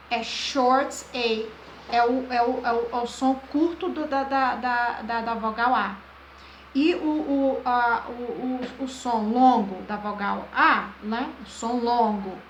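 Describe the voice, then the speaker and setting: A woman giving an informal phonics lesson, talking slowly and hesitantly with many repeated filler words. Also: a little high. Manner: slow, drawn-out explanations. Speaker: English teacher. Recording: echoey room with faint background noise.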